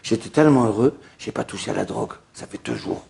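A man voicing a troubled young male addict who quietly confesses to a rabbi. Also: lowish voice, fast, creaky. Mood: confiding.

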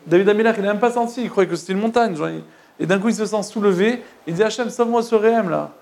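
A man with a high, gravelly voice tells old stories in a loose, spoken way. He stumbles and repeats words, restarts his sentences and turns to ask his listeners if they follow. The telling is casual and unscripted. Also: very fast, a little mellow. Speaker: storyteller. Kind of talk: casual oral retelling of religious tales.

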